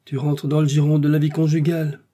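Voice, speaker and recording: Man reading as a sarcastic young gentleman, warm husky voice, pitched up, loud and emphatic. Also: moderate pace, natural voice. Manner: mocking, lively, emphatic. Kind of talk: audiobook character reading.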